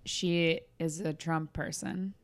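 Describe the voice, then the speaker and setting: A woman's voice: deep voice, steady tone, slow. A young woman co-hosting a podcast, telling candid, swearing stories in casual chat. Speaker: podcast co-host.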